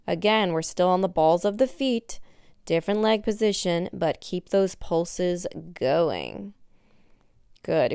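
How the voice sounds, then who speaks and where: Young woman, aerobics instructor, very smooth clear voice, slow pace, encouraging workout cues. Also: on the low side, a little mellow, no room sound, clean studio sound. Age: young adult. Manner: encouraging cueing while exercising along. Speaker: fitness instructor. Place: indoor wood-floored exercise studio.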